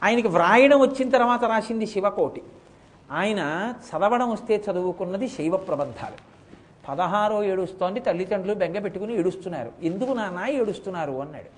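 High-voiced man telling a devotional tale. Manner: chants verses slowly and declaims. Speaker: religious discourse speaker. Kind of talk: devotional storytelling discourse.

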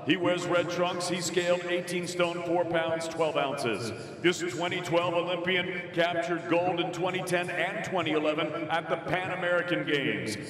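A man works as a boxing ring announcer in a theatrical lucha libre announcer style. His voice sits fairly high and booms with showman flourish, stretching out names. It rings through an arena PA with heavy echo and a long, distant reverb. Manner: theatrical, booming showman delivery. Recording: echoey arena PA, heard from afar.

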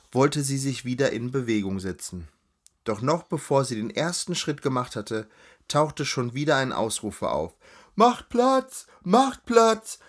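A man reading a children's novel aloud, in calm, even storytelling. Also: mid-range voice. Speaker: audiobook reader.

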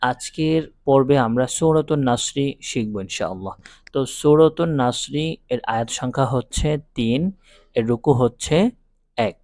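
A man teaching a Quran lesson, explaining pronunciation step by step and reciting verses slowly in a chanting melody. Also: medium pitch, a little mellow, no echo.

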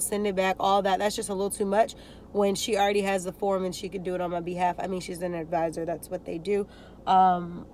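A woman's voice: fairly low pitch, darkish tone, a little hiss or hum. A young woman chatting casually to a phone camera on the dashboard while sitting in a parked car, rambling and upbeat. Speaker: vlogger. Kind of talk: casual vlog talk to camera. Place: parked car, indoors of vehicle.

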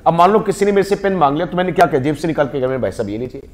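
Indian teacher drilling a classroom. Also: male voice, fairly high pitch, lively intonation, rapid-fire. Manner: drills the class, prompting them to repeat words. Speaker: English teacher. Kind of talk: classroom spoken English lesson. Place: classroom with students.

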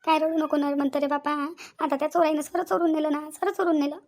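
Woman as a fussy, whiny cartoon village aunt, high and rapid. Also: flat delivery, darkish tone, lightly acted. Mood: wailing. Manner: fast, wailing, whiny complaining. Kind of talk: cartoon comedy voice acting.

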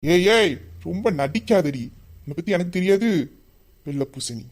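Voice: mid-range voice, lively intonation, moderate pace, natural voice. A performer voicing a lovesick young man who grumbles in mock anger at his sweetheart in a romantic audio drama. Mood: sulky. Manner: grumbling, mock-angry, then tender.

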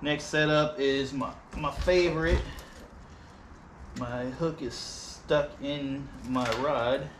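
A man in his thirties, a fishing vlogger, casually walking through his gear in a garage, relaxed and rambling with many ums and uhs. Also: mid-range voice, slow pace, noisy background. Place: garage, seated by boat gear.

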